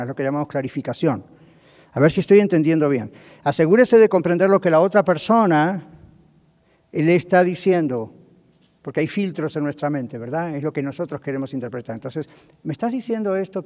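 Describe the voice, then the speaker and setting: Higher-voiced male pastor in a reverberant hall. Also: a little fast, darkish tone. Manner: keeps checking in with listeners, acts out quoted speech. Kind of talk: sermon on marriage communication.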